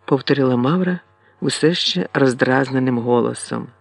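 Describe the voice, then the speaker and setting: A man reading a classic novel aloud, with measured, expressive narration. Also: medium pitch, creaky, husky, dry recording. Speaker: audiobook reader.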